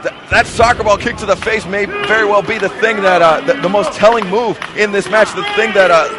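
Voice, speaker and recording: A man doing live play-by-play wrestling commentary, excitedly calling moves with exclamations and repetition. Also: sits high, a little fast. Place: wrestling event in an armory. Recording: loud crowd noise, echoing sports venue ambience. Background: loud crowd and venue noise.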